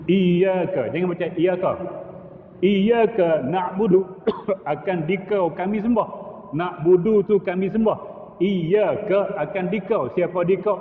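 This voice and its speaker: A man's voice: high voice, a little hiss or hum. A middle-aged male religious teacher, lecturing in a mosque on correct recitation and chanting Arabic phrases as examples. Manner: demonstrates recitation, chanting Arabic phrases between plain explanation. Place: mosque hall. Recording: tinny echoey hall recording.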